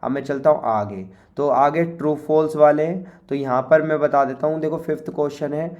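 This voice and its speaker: A man with an Indian accent, teaching by walking through an exam paper in a chatty way, often saying "okay" and reading English lines slowly. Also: a little high, a little mellow, highs cut off. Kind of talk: exam paper walkthrough lesson.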